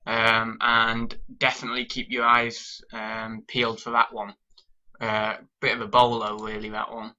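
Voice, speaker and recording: A young British man, sniffly with a cold, chats casually through a sales update as an online reseller vlogger. His medium-pitched voice is monotone, a little slow, pushed and bright, and the audio sounds dull. He rambles with many ums and restarts.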